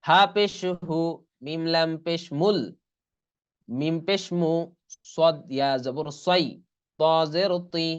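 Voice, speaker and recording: This online Quran reading lesson is led by a man whose voice is fairly high, clear and resonant, though the recording sounds lo-fi. Letter by letter and vowel by vowel, he spells slowly before drawing out each complete word.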